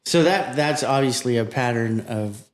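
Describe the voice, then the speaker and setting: A man of middling pitch hosts a casual recovery podcast. He asks questions in a relaxed, blunt way and drops the odd swear word. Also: normal speed, roomy sound. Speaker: podcast host. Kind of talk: casual interview.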